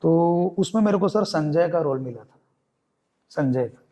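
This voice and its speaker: High-voiced young Chhattisgarhi storyteller man. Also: a little slow. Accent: Chhattisgarhi Hindi. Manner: animated storyteller acting out quoted voices. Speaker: guest theatre artist. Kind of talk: podcast interview storytelling.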